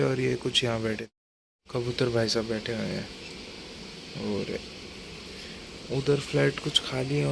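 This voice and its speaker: On a rainy apartment balcony, a male vlogger records a casual solo chat on his phone camera, with loud background noise around him. His voice is medium-pitched, gravelly, and monotone, and he rambles, corrects himself loosely, and makes chatty asides to viewers.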